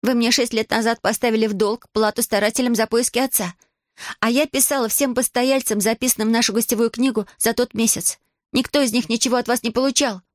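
For an audiobook, a woman voices a determined young orphan girl who defies her stepmother, speaking firmly, pointedly and steadily. The brisk, fairly high voice is pitched above her own but close to an everyday voice, with clean studio sound and no echo.

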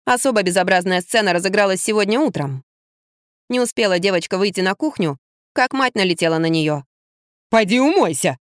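A woman reading an audiobook aloud, telling the story in the first person in a lively, expressive way. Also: mid-range voice, brisk, no room sound, studio quality. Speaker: narrator.

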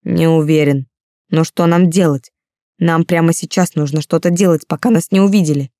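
A cautious male fighter reasons through his doubts hesitantly, as a woman narrator reads him. His voice is low and mellow. The sound is close and dry. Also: fairly even intonation, normal speed, no echo. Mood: uneasy.

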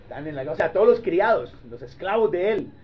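A man pastor preaching a sermon in a lively, joking way, speaking directly to his congregation. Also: high voice, brisk. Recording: dull lo-fi recording.

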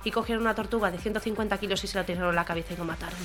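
A woman's voice: medium pitch, fairly even intonation, rapid-fire, a bit bright. A woman co-hosting a comedy radio show, telling long jokes in a rambling way with restarts. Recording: radio show with faint music behind.

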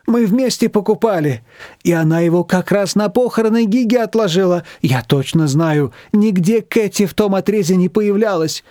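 A man's voice: high voice, moderate pace, warm tone, dry recording, clean studio sound, pitched above the performer's own voice, close to an everyday voice. A man voicing a fretful, dramatic older woman, a mother-in-law who rambles and exclaims in an emotional way. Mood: anxious, fussy.

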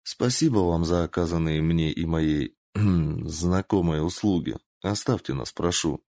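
A man's voice: deep voice, unhurried, gravelly, dark tone, no echo, clean studio sound. A man voicing a stern, hot-tempered young princess who speaks in a commanding, growling way.

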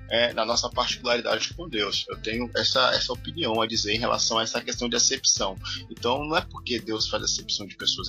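A man's voice: mid-range voice, vocal fry, pushed and bright. A man talking as a podcast guest in a casual theological discussion, thoughtful and often rephrasing himself.

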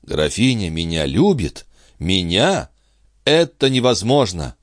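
A man voicing an earnest, stunned nobleman in an audiobook, in a low, measured tone. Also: sing-song, dry recording, clean studio sound, full character voice. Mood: bewildered.

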